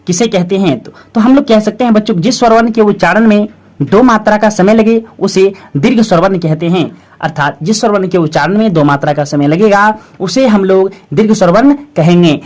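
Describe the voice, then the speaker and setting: Steady teacher restating every definition. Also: medium pitch. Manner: repeats each definition twice, slow and steady; calls students 'children' and 'friends' often. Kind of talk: grammar lesson for schoolchildren.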